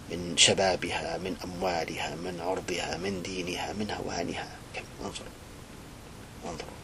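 A male Islamic preacher gives an impassioned religious address. He swings between quiet lament and loud indignation. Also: on the low side, a little hiss or hum.

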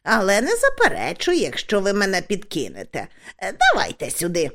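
Woman doing a brisk cheerful old witch. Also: mid-range voice, wildly swooping pitch, fairly bright tone.

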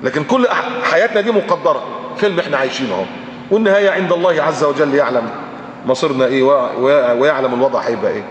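A man with an Egyptian Arabic accent preaching a sermon, animated and full of rhetorical questions, sometimes chanting verses. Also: medium pitch, racing, lo-fi sound, a little hiss or hum. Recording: echoey hall recording.

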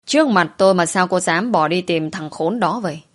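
A woman's voice: lowish voice, a little fast, close to an everyday voice. A woman voicing an angry, domineering man who is an underworld boss, speaking harshly and accusingly. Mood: jealous.

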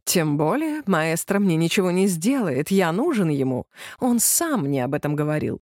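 A woman reading an audiobook, voicing an arrogant young male musician in a lower, slow, self-satisfied voice. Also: big pitch swings, darkish tone, dry recording, studio quality. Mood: boastful.

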